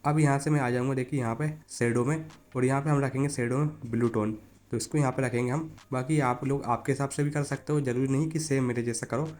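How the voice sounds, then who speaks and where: This male tutorial host has a medium-pitched, darkish voice, speaking fast with fairly level intonation. In a relaxed, chatty style, he narrates a phone photo editing app step by step, addressing viewers as "buddy" (यार) and repeatedly urging them to look.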